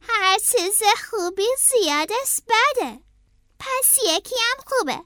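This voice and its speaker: A high, squeaky little bunny boy from a children's storybook, eager and gushing about every treat he sees, voiced by a woman reading aloud. His voice leaps around with excitement and greed. It sits in a dry, close sound. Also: no echo, exaggerated voice. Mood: excited.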